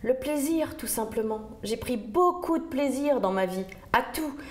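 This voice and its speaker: A woman voicing a shy, mischievous centenarian woman, speaking softly and savoring each word. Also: high-pitched, animated, normal speed, voice pushed up. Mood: wistful. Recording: roomy echo.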